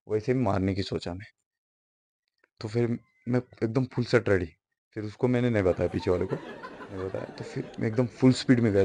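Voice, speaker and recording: A teenage boy, trying stand-up for the first time. His voice sits fairly low, and he rambles through his story, restarting sentences and chuckling at himself. The recording is noisy, with a live room humming behind him. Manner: rambling, self-correcting, chuckles through lines. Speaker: stand-up comedian.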